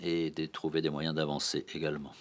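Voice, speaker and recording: A man interpreting live at a conference, speaking in measured, halting phrases. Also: very deep voice, level tone.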